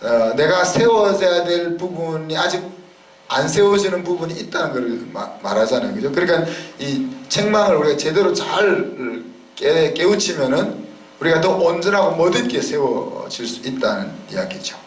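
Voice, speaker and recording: A man's voice: fairly high pitch, very animated, moderate pace. A man, a pastor, preaching a sermon in a conversational way, often checking in with the congregation. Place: church sanctuary. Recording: roomy church sound from a distance.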